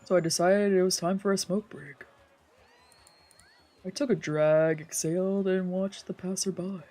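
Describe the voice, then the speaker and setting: With a mellow, medium-pitched voice, steady in tone and a bit slow, a streamer dramatically narrates a visual novel, improvising the characters' voices and chatting in asides. Game music is faintly audible.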